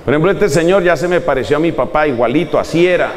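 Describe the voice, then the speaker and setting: A man preaching a sermon in an animated, humorous way, acting out examples. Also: fairly high pitch, fast, in a large hall, very noisy.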